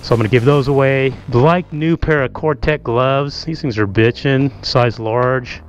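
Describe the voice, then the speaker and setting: A middle-aged motovlogger gives a relaxed, casual tour of his home garage, speaking through a helmet-mounted camera mic. His medium-pitched voice is unhurried and full of ums and asides, with a little hiss or hum in the audio.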